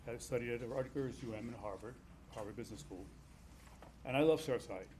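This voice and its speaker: A man originally from Cuba addresses a town commission in an assertive, critical tone. His voice sits at an ordinary pitch, over faint room noise. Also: fairly quick, a little mellow. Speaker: public commenter. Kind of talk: public comment at a town meeting.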